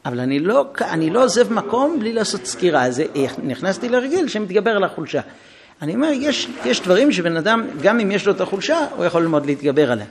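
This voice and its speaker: A man giving an informal parenting talk to a group, telling stories and acting out dialogues between parent and child. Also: sits high. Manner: animated storytelling, acting out dialogues. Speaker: parenting lecturer.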